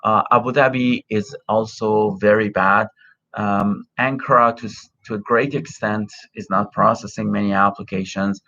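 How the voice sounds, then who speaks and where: Speaking into a cell phone, a middle-aged man with Farsi as his first language runs a live Q&A as an immigration consultant, reading and answering viewers' questions. His voice is fairly low and sharp, with fairly even intonation and normal speed, though he hesitates with lots of fillers and restarts. The phone audio is dull and lo-fi, with a little hiss or hum.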